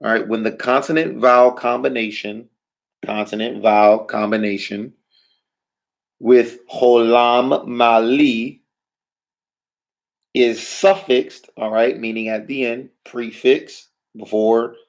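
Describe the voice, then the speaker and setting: A man teaching a language class in a slow, unhurried way. His voice is gravelly with a touch of fry. He keeps checking in with "right?" and asks his students questions. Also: medium pitch, fairly even intonation. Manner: checks in often with "right?" and "all right?". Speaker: Hebrew teacher. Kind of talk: classroom lesson.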